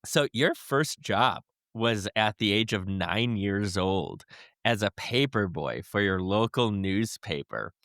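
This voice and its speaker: A man's voice: lowish voice, animated, takes it slowly, a bit bright, no echo, clean studio sound. A man co-hosting a podcast, asking questions with brief upbeat reactions. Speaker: podcast co-host. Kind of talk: casual interview hosting.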